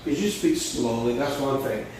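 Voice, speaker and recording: A man teaching English phrases at a whiteboard, switching between English and Spanish and repeating each phrase slowly several times. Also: medium pitch, darkish tone. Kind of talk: bilingual whiteboard lesson. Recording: roomy, distant mic, faint background hum.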